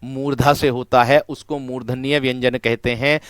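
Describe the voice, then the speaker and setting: A man's voice: mid-range voice, level tone, moderate pace, fairly bright tone, clean tone, no room sound, studio quality. A male teacher giving an online exam-prep lecture, repeating each point and asking students questions he then answers himself. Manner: repetitive call-and-response questioning, addressing students as friend.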